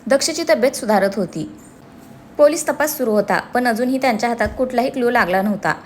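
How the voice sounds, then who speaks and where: A woman's voice: on the high side, brisk, darkish tone, slight background noise. A woman narrating a serialized romance story, reading dramatically and voicing every character herself.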